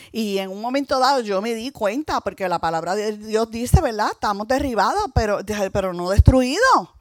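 A woman preaching a sermon, swinging between loud exhortation and quiet personal testimony. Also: medium pitch, no echo, studio quality.

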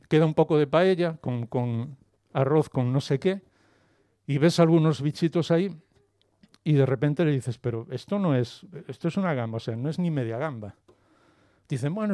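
Galician man, comic storyteller, higher voice, dry close sound. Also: moderate pace, no echo. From Galicia, Spain. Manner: animated, storytelling, acts out dialogue. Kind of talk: comic monologue.

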